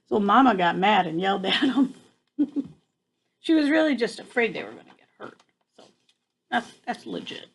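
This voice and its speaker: An older woman with a high, husky voice reads a picture book aloud to a child, expressive and full of casual asides and exclamations. The recording is rough.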